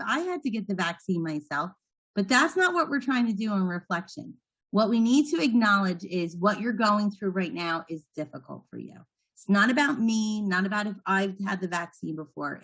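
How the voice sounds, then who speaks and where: A woman's voice: medium pitch, a bit bright. A woman leading a training session, explaining patiently and encouraging the trainees. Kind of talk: instructional talk to trainees.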